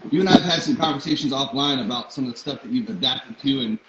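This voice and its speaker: A man's voice: medium pitch, quick pace. A man hosting a casual interview, asking questions in a conversational way. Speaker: interview host. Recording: muffled, roomy, noisy audio.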